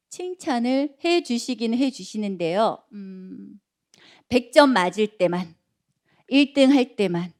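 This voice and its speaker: Lively woman giving a public lecture. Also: fairly high pitch. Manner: animated, acts out quotes, asks the audience questions. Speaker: lecturer, counseling institute director.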